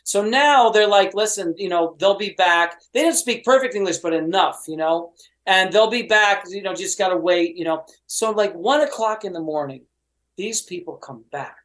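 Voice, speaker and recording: A man's voice: high voice, normal speed, rough recording. Guy on a podcast telling a wild story, lots of "you know", acts out the other people's lines. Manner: lively storyteller, many "you know"s and quoted voices. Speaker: podcast guest, musician. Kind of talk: animated anecdote telling.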